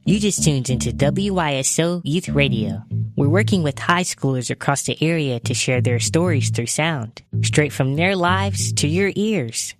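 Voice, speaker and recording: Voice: mid-range voice, animated, measured pace, over music. A youth radio host giving a scripted, upbeat introduction and closing. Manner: upbeat announcer delivery.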